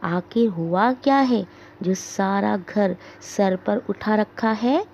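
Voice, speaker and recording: A woman's voice: medium pitch, takes it slowly, gravelly, a little mellow, dull audio, a little hiss or hum. A woman teacher voicing a bossy, impatient old grandmother who nags in a raised voice. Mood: scolding. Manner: raised, nagging tone.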